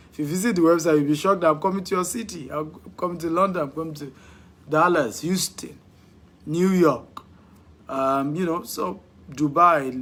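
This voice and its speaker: Nigerian guy on a live stream, husky voice pitched a bit high, hypes people up and repeats stuff. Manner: animated, exhorting, repeats lines for emphasis. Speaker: podcast host.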